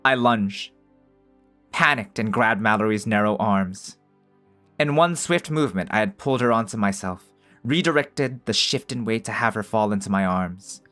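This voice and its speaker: A man with a fairly low voice reads a visual novel aloud in first person. He breaks off now and then into joking, profane commentary. Soft music plays behind him. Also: normal speed. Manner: swears freely, jokes between narrated lines. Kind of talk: story narration mixed with casual commentary.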